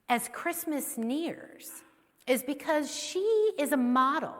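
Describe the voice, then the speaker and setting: A woman's voice: high voice, fairly bright tone. A woman pastor giving a conversational sermon, chatty and often checking in with the congregation. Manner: chatty, keeps checking in with "right?". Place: church sanctuary. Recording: long church reverb.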